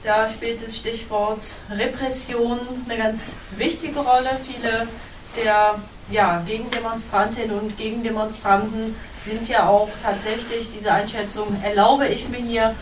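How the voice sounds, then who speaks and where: A woman's voice: fairly high pitch, level tone, unhurried, a little hiss or hum. A woman moderating a panel discussion, asking long, formal and carefully worded questions. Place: cinema hall. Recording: echoey hall, distant mic.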